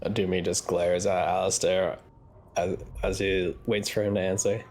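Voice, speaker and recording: A man's voice: deep voice, little pitch movement, moderate pace, a little mellow. A man playing a tabletop role-playing game, improvising in character and making casual asides.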